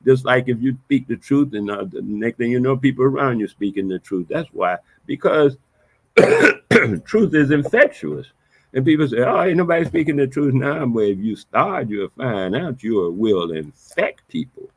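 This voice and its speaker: Man giving a lively, preachy monologue. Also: mid-range voice, measured pace, husky. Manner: preachy, repetitive, emphatic; casual vernacular. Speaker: vlogger. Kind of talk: reflective monologue.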